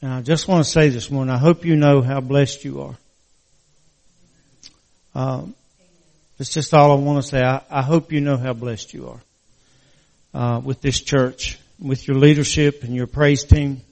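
A man's voice: medium pitch, fairly even intonation, gravelly, darkish tone, long reverb tail. Older male preacher with slightly slurred speech. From West Virginia, US. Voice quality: slightly slurred crooked-mouth articulation after mouth surgery. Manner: earnest, halting, folksy. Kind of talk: church sermon.

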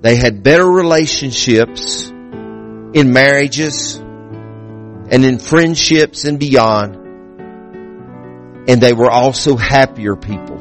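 A man's voice: mid-range voice, takes it slowly, pauses often, soft background music. A man preaching a sermon as pastor in a church, building emphasis with repeated phrases. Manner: preaching with rising emphasis and repetitions.

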